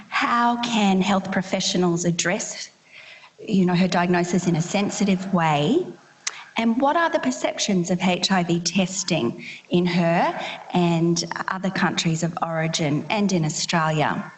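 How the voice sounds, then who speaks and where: Woman presenting in a reverberant hall. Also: lowish voice. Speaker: session facilitator. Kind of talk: presenting a clinical case study.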